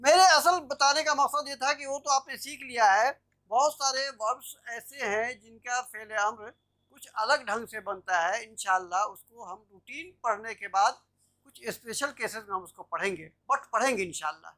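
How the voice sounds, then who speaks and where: A woman's voice: a little high, normal speed, fairly bright tone. A woman teaching Arabic grammar in a live online class over a video call, explaining step by step and often checking that students follow. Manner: explanatory, checks understanding with "theek hai na".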